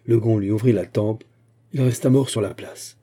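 A man's voice: on the low side, steady tone, normal speed, dark tone, natural voice. A man reading the part of a strong aging musketeer, gloomy and superstitious, who tells of omens in his family in an earnest, brooding way.

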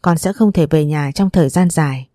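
A woman's voice: deep voice, a little fast, warm tone, dry recording, studio quality, natural voice. A woman voicing a young male soldier, a remorseful son, in a choked, pleading tone. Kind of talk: storybook dialogue reading.

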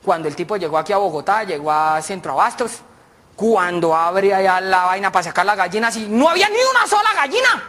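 A man telling jokes on a radio comedy segment, in a lively, chatty storytelling manner. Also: high voice, brisk. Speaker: joke teller.

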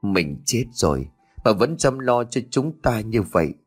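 A heartbroken young village husband and father, voiced by a male narrator, with a lowish voice that breaks into a choked lament. His delivery swings widely in pitch. Soft music plays beneath the storytelling. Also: sing-song, unhurried, husky, heavily acted. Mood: grief-stricken.

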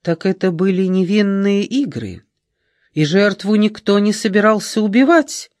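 A man reading an audiobook, voicing a young woman in her twenties who questions firmly and calmly. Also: high-pitched, unhurried, no room sound, studio quality, pitched above the performer's own voice. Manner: firm, probing, calm.

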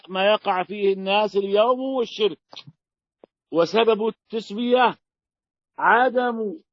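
Emphatic high-voiced male religious teacher. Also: no room sound. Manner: emphatic, piles up scripture quotations. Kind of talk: explaining a classical text. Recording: dry, dull lo-fi sound.

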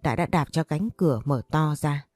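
A woman narrating a romance audiobook in a steady, even storytelling voice. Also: deep voice, moderate pace, no room sound.

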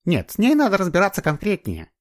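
A man reading a book aloud, voicing a hoarse, quarrelsome woman under forty who snaps scornfully at visitors. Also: wildly swooping pitch, fast talker. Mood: shrill, scornful. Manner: shrill and scornful, snapping back.

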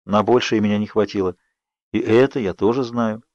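A man voicing Edward, a sorrowful ageless vampire who speaks softly and with resignation, in an audiobook. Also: fairly low pitch, fairly even intonation, normal speed, no echo, close to an everyday voice. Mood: resigned. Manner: soft, murmured, resigned. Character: sorrowful ageless vampire youth, gentle and restrained. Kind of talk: audiobook character reading. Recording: dry, slightly dull studio read.

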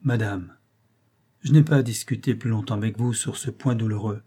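Narrator playing a stern, principled detective, grave and measured, dark husky tone. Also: male voice, lowish voice.

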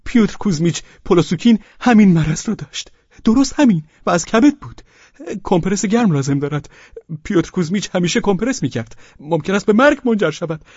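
A man voicing an anxious, fussy middle-aged man who nurses a sick friend, talking in a fretful, insistent way with a husky edge, in a dull lo-fi recording. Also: sits high, animated, a little mellow, no room sound, voice pushed up.

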